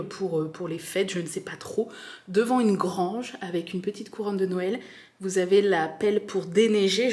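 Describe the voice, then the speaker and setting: This French crafting vlogger speaks in a mid-range, darkish voice over a faint hiss or hum. With a French accent, she excitedly talks through opening a craft kit, repeating words and leaning on fillers.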